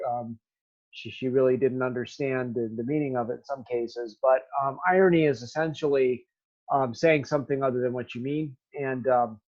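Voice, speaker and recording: A man teaching a recorded remote lesson, talking straight to his students in a halting way with many ums. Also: medium pitch, fairly even intonation, darkish tone, dull audio.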